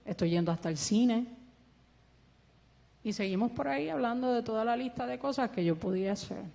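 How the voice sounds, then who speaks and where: Briskly and with vocal fry, a woman with a slightly high yet dark voice and a Puerto Rican Spanish accent tells her earnest church testimony. She breathes with a ventilator and acts out the dialogue, all within the long echo of a church hall.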